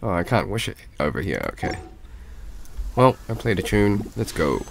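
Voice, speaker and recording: This man's voice sits fairly low, with big swings in pitch and some vocal fry, against slight background noise. Stuffy and nasal from a cold, the gaming YouTuber talks slowly and chattily to viewers while casually commenting on the game he's playing.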